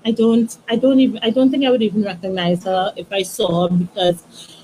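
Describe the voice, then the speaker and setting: A woman guest in her thirties shares a personal story in a soft, halting voice, often restarting and reaching for words. Her voice sits at a middle pitch, and faint background noise sits under it. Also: little pitch movement, rough recording. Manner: soft, halting, many restarts and "you know". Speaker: guest, author.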